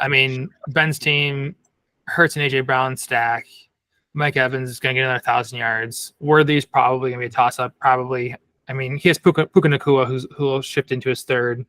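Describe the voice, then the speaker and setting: Mid-pitch guy chatting on a podcast, lots of likes and i mean, dry mic. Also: fairly even intonation, normal speed, pushed and bright, no echo. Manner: loose, hedging talk with fillers. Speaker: podcast guest. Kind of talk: casual chat.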